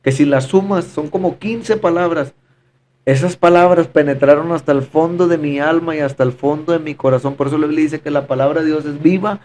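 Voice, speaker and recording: A man's voice: a little high, a little fast, darkish tone, a little hiss or hum. A man giving a fervent, repetitive personal testimony in conversation, often calling his listener brother. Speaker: podcast guest giving testimony.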